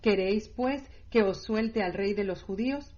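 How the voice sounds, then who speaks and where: Wary questioning Roman governor, woman reader, measured, plain voice, dull lo-fi sound. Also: mid-range voice, darkish tone, lightly acted. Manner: read plainly in the narrator's own measured voice. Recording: dull lo-fi audio.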